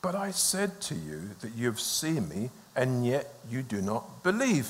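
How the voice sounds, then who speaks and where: Lively, emphatic preaching pastor. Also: male voice, mid-range voice, measured pace, in a large hall. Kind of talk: preached sermon with live interpretation. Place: church service.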